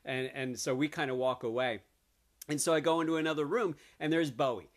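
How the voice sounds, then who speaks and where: A man telling a comic tall tale to camera in a deadpan way, jumping up in pitch when he quotes people. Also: fairly quick. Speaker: comedic storyteller.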